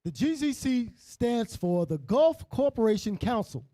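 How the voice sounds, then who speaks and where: A man's voice: extremely high pitch, big pitch swings, unhurried, mellow, no room sound, clean studio sound. A man assistant reads short pieces of text aloud on command during a teaching session. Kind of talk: reading aloud.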